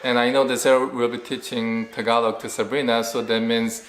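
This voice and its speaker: This man speaks in a medium, slightly bright voice, flat in delivery and a bit fast. He's a dad co-hosting a family vlog, talking in a relaxed conversational way during a couple's chat that includes a sponsor pitch. Faint background noise and a roomy echo fill the recording.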